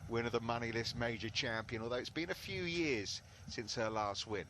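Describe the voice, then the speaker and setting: A man's voice: mid-range voice, fairly quick, sharp tone. A man giving conversational live golf commentary alongside other broadcasters. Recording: clear outdoor ambient noise.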